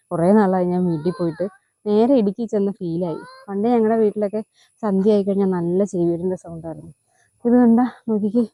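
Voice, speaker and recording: A woman's voice: mid-range voice, dark tone, no room sound. A young woman from Idukki with an Idukki Malayalam accent, chatting enthusiastically in a vlog from an outdoor nature park. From Idukki, Kerala. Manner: chatty, enthusiastic, talks to her child between remarks. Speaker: vlogger. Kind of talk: casual vlog talk.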